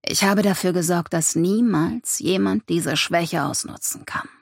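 A brooding male god, guarded and terse, as a woman reads him in an audiobook. The voice stays measured and clipped, with a husky edge. The sound is close and dry. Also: lowish voice, dry recording, heavily acted. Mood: grim.

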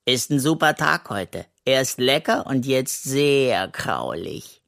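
A reader voicing an excitable, boastful little male raccoon in a children's audiobook, with a hissing, conspiratorial manner. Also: mid-range voice, slow pace, vocal fry, heavily acted. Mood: excited. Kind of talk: children's audiobook role reading.

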